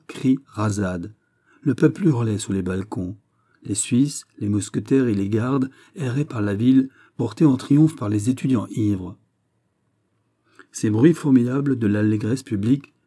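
Man narrating a classic novel, measured and dramatic, mellow husky tone. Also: fairly low pitch. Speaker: audiobook narrator. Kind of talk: scripted narration.

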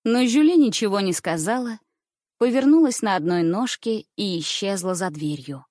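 A woman narrating an audiobook with expressive storytelling. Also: mid-range voice, moderate pace, no echo, studio quality.

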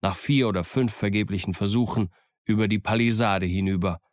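A man reading a novel aloud as the narrator, in a calm, even storytelling manner. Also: lowish voice, brisk, no room sound, clean studio sound. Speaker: audiobook reader. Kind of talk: scripted narration.

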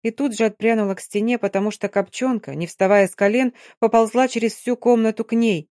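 Woman audiobook narrator, even expressive reading, dry close mic. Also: a little high, fairly quick, no echo. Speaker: audiobook reader. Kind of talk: scripted narration.

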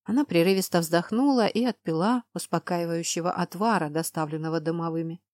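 A woman's voice: lowish voice, a little fast, dry recording. Woman narrating a storybook, dry close sound. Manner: lively, exasperated quotes of the heroine. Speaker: audiobook narrator. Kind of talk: first-person storybook narration.

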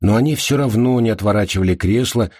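A man narrates an audiobook, reading scripted text in an even, measured way. His voice sits on the low side, and the recording is dry and studio quality.

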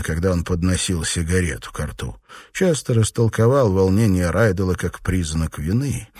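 A man narrating a novel in an audiobook with measured, even reading. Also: low-pitched, no room sound, clean studio sound. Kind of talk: scripted narration.

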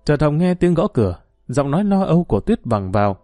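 A man narrating a story in a measured, emotive reading. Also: on the high side, big pitch swings, mellow, dry recording, studio quality, faint music behind. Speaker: audiobook narrator.

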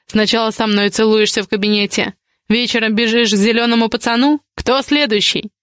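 A woman's voice: fairly even intonation, no room sound, studio quality, lightly acted. A woman reading the lines of an angry, possessive man, a domineering guardian, with curt commands. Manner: curt, commanding, low and slow.

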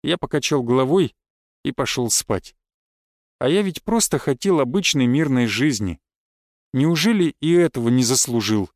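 A man narrating a first-person audiobook in a calm, cold, matter-of-fact manner. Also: medium pitch, moderate pace, no echo, clean studio sound.

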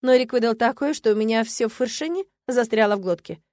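Female audiobook narrator, fairly high, lively first-person read, dry sound. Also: fast talker, no echo. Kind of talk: scripted narration.

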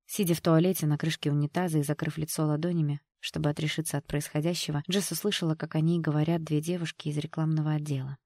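A woman reading an audiobook in an even, measured storytelling manner, close to the mic. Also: sits low, no room sound. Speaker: audiobook reader. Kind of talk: scripted audiobook narration.

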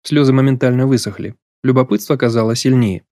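A man reading a novel aloud as an audiobook narrator, in a measured, even storytelling manner. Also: mid-range voice, dry recording, clean studio sound. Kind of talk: scripted literary narration.

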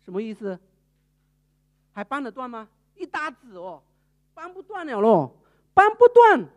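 A woman evangelist, preaching a sermon and telling a story with lively acted-out quotes. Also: fairly high pitch, unhurried. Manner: animated storytelling, acting out quoted people.

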